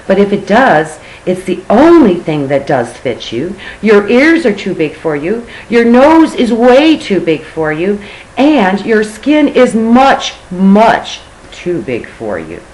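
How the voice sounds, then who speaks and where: A woman's voice: mid-range voice, very animated, unhurried, few pauses, darkish tone, pitched above the performer's own voice, poor audio. A woman voicing a saucy, bossy storybook parrot that scolds and mocks in a blunt manner. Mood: mocking, critical.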